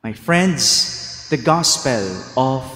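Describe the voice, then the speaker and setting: Slow, echoing Filipino priest. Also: male voice, medium pitch, lively intonation, sharp tone. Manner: deliberate, repeats phrases, quizzes the congregation. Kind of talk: homily and liturgical gospel reading. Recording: echoey church hall with long reverb.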